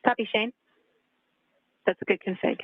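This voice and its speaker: A woman from Canada relaying precise radio procedure calls as mission communicator, repeating each call back. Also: normal speed. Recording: tinny radio loop with faint hiss.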